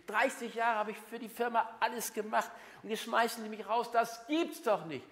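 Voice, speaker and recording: A man's voice: very high voice, moderate pace, a bit bright, voice pushed up. Aggrieved fired worker, as a man plays him. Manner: aggrieved, disbelieving. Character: indignant fired long-time male employee. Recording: long hall reverb.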